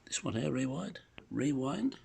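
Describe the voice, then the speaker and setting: Against a noisy background, a man gives a casual, unscripted demo of an item for sale in his home's living room, holding the phone himself behind the camera. His medium-pitched, creaky voice is very animated yet measured in pace, though he rambles and hesitates.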